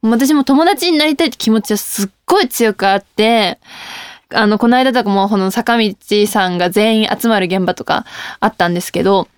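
A woman's voice: medium pitch, normal speed, clean tone, no echo. A young woman hosting a casual radio talk show, reading listener mail and joking about herself with frequent laughs. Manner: playful, self-mocking, laughs often.

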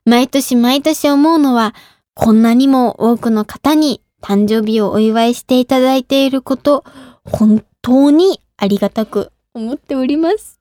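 High-voiced young woman radio host. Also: a little slow, mellow, dry recording, clean studio sound. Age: 20s. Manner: giggly, laughs often at herself. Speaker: radio show host and idol. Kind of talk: casual radio talk.

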